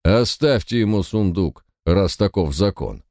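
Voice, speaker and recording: A man's voice: low-pitched, expressive, a little slow, darkish tone, dry recording, studio quality, pitched above the performer's own voice. A man voicing a burly, callous male landlord's enforcer in an audiobook, blunt and threatening. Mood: curt.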